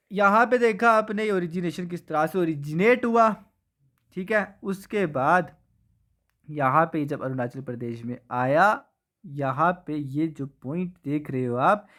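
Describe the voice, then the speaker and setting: A man's voice: a little high, a bit bright. A man teaching an exam revision lesson in Kashmiri-accented Hindi. He keeps asking the class questions, answers them himself, and checks in with "theek hai" again and again. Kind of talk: exam revision lecture over a map.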